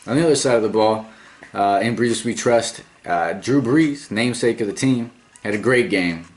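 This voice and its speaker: A man's voice: on the low side, normal speed. A man hosting a casual recap as commissioner of his fantasy football league, laid-back and rambling, with fillers and small chuckles.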